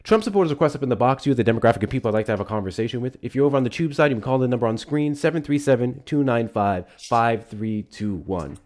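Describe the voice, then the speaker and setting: A young man hosting a live political call-in stream, blunt and profane, quick to anger. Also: mid-range voice, expressive, darkish tone. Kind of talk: heated live call-in talk.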